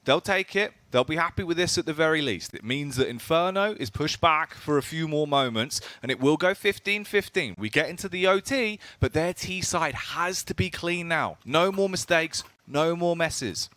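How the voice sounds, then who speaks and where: A man commentating live esports as a caster, moving between measured analysis and excited play-by-play calls. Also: fairly high pitch, no echo.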